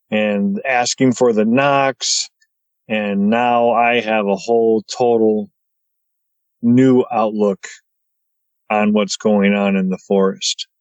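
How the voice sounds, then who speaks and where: A man's voice: medium pitch, steady tone, slow, clear, resonant tone, dry recording, low-quality recording. Guy on a podcast telling his story all wound up, stumbles over words, dry close mic. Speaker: podcast guest. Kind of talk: excited storytelling.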